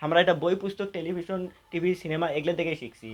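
A man's voice: a little high, steady tone, fast. A man from Bangladesh, giving a folksy, blunt debate speech. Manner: folksy and blunt, arguing for dialect.

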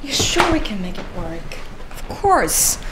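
A woman's voice: mid-range voice, big pitch swings, a little slow. A woman playing a dry, testy actress who answers in short, clipped lines. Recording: noisy room ambience.

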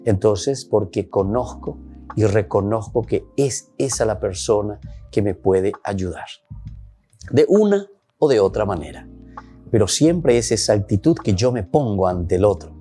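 Man, Paraguayan accent, priest, sermon, mellow tone, low voice. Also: lively intonation, unhurried, soft background music. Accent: Paraguayan Spanish. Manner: mixes Spanish and Guarani, with emphatic rises. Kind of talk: sermon reflection.

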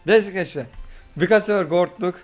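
A man with a high, fairly quick voice hosts a casual let's-play alongside a friend. He's bossy, handing out instructions and complaints, and there's music behind him.

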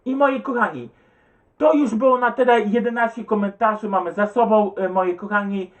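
A man's voice: high-pitched, fairly even intonation, normal speed. A man who answers viewer comments in an agitated, stumbling rant, swearing and repeating himself. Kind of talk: rambling webcam rant.

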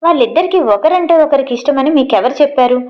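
A fierce grown daughter, as a woman reads her out in a spoken storybook, hurling defiant accusations at her father in a raised voice. The voice sits a touch high, and the lo-fi recording sounds dull. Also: lively intonation, fast talker. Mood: furious.

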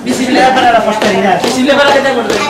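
A woman with an Aragonese accent, chatting briskly and giving practical directions while helping others dress. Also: on the high side, a loud crowd. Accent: Aragonese Spanish. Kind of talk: casual chat while dressing up. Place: crowded indoor hall. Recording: echoey hall, camcorder from afar.

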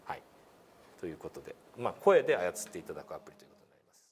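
Racing along in a low, husky, sing-song voice with a darkish tone, this middle-aged instructor walks a meeting room through a pronunciation app. He hesitates often as he explains, and his lesson is peppered with polite questions.

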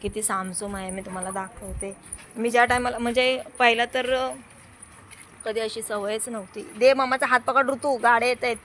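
A young woman talks into her handheld phone on city streets at night, her voice high and bright. She chats casually to viewers in between coaxing and scolding her small child. Faint noise sits under the recording. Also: steady tone, moderate pace. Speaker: vlogger and mother.

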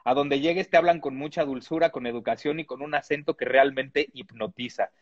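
Man, husky voice, humorous reading aloud, muffled lo-fi sound. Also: medium pitch, brisk. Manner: lively reading with chuckles and comic asides. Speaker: reader of a humorous text.

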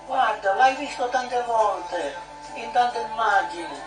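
A woman's voice: on the high side, expressive, takes it slowly. A woman leading a guided prayer meditation, coaxing her listener on with short repeated prompts. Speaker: prayer leader. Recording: echoey room from a distance with music.

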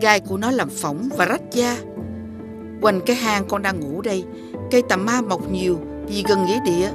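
A woman's voice: mid-range voice, moderate pace, lightly acted. An actress voicing a wise, stern old fairy woman in a cartoon, who gives solemn, earnest warnings. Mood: gentle. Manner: solemn, earnest warnings, rising urgency on key orders. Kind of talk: dubbed cartoon acting. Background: background music.

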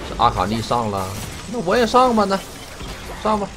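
A man's voice: sits high, moderate pace, music in the background. A man giving live commentary on his own game, cursing and joking wryly as he plays. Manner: animated, cursing, wry running commentary. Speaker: game streamer.

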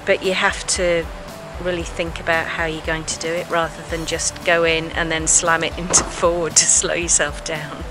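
A woman's voice: low voice, flat delivery, normal speed, music in the background, low-quality recording. A middle-aged woman co-hosting a sailing vlog, narrating and chatting in a cheerful, chatty way. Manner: cheerful, chatty, laughs often. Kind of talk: casual vlog narration and chat. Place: outdoors on a sailboat in a marina.

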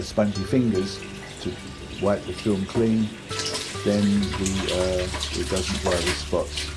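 A man giving a casual, practical how-to talk in his home kitchen, with some fillers. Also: deep voice. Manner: relaxed, plain and practical, with fillers. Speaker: photography hobbyist demonstrating. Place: home kitchen, indoors, at the sink. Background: running tap water and loud music.

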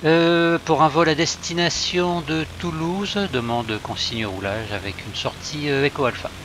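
A man making clipped, formal pilot radio calls into a cockpit headset, pausing now and then as he reads them out. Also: fairly high pitch, steady tone, background noise. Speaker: simulator pilot. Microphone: headset mic.

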